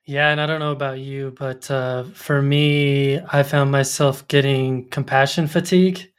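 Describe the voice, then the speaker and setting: A man's voice: mid-range voice, fairly even intonation, unhurried, clean tone. A man hosting a photography podcast, talking casually with lots of fillers and restarts. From Colorado. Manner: chatty, many fillers and restarts. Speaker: podcast host. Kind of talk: casual interview.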